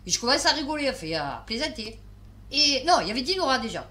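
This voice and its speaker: Bright, chatty French-speaking woman vlogger. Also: high voice, very animated, fast talker. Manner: chatty, swears, many fillers and restarts. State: tired. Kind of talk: casual storytelling to camera.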